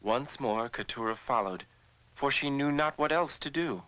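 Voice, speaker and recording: A man narrating a scripted fairy tale as a measured storyteller. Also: mid-range voice, fairly bright tone, no room sound, rough recording.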